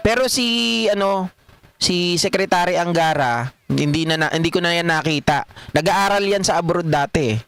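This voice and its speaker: A man's voice: sits high, moderate pace, a bit bright, clean tone, dry recording. A middle-aged Filipino man hosting a political livestream, reading viewer comments in a chatty way and laughing often. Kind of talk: casual live commentary reading chat.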